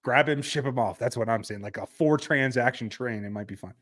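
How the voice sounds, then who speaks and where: Male podcast host, mid-pitched, blunt and laid-back, lots of "um"s and restarts, on a remote call. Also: fairly quick, fairly bright tone. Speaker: podcast host reading listener texts. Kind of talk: casual sports talk.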